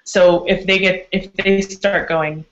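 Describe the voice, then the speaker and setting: A guest expert answering interview questions frankly, with quick laughs, profanity and frequent restarts. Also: female voice, medium pitch, fairly even intonation. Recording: dull lo-fi audio.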